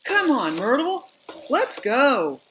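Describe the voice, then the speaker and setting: A woman's voice: high-pitched, very animated, slow pace, background noise. A woman in her sixties talking casually while walking outdoors through a campground, in a chatty, reflective way. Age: 60s. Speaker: travel vlogger. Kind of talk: casual vlog monologue.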